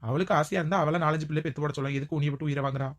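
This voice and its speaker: Played by a woman, a bold, outspoken village woman jokes with a sharp tongue in a village comedy skit. Her voice sits somewhat low, holds a steady tone, and moves very fast.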